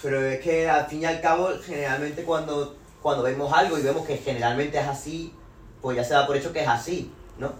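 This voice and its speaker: Rambling young man, fast and far from the mic. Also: on the high side, fairly even intonation. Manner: rambling, loose and slangy. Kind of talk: casual debate. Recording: roomy, off-mic with background noise.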